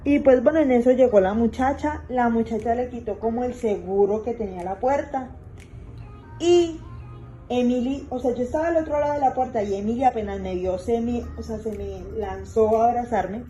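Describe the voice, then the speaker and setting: A woman's voice: a little high, moderate pace, warm tone, poor audio. A woman, a mother, telling a family story in a casual, chatty way, repeating herself with lots of fillers. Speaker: mother vlogger.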